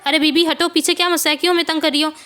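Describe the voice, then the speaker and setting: A woman's voice: sits high, flat delivery, rapid-fire, pushed and bright, pitched above the performer's own voice. A woman voicing a rude, impatient man in a market who brushes off a desperate mother. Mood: irritated. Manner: brusque, dismissive. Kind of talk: novel reading.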